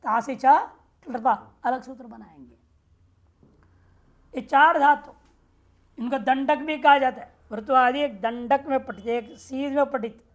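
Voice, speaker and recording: A woman's voice: high voice, measured pace, pauses often. A woman teaching a grammar class, explaining rules step by step and often asking her students rhetorical check questions. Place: ashram teaching room.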